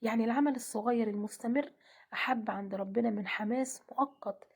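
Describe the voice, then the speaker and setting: Egyptian woman, devotional speaker; quick, breathy, slightly high voice, soft half-whispered delivery. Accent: Egyptian Arabic. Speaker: religious speaker. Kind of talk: gentle devotional talk.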